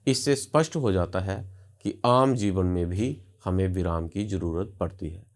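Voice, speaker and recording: A man teaching as he narrates a scripted lecture, with a formal, measured and didactic delivery. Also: deep voice, a little mellow.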